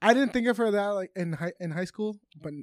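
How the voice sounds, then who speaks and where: Young man, high pitched, fast, dry close sound, jokey co-host. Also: no echo. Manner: quick jokey interjections. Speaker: podcast host. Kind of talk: casual chat.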